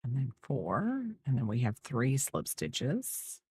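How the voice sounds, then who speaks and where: A middle-aged woman hosting a crochet session chats casually, counting stitches aloud, rambling, trailing off and repeating herself. Her voice is rumbling low, husky and a little mellow, slow-paced with huge pitch swings.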